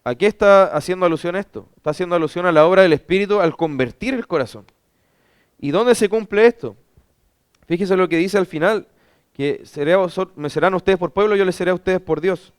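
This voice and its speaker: A man's voice: high-pitched, fairly quick, clean tone, no room sound, studio quality. A man, a pastor, teaching a Bible class; he reads scripture aloud and asks rhetorical questions that he then answers himself.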